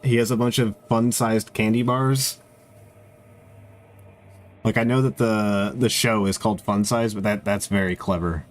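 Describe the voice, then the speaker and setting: A man's voice: fairly low pitch, fairly even intonation, unhurried, pauses often. Congested man cracking crude jokes. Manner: profane, joking banter. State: congested nose. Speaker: streamer. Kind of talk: casual gameplay commentary.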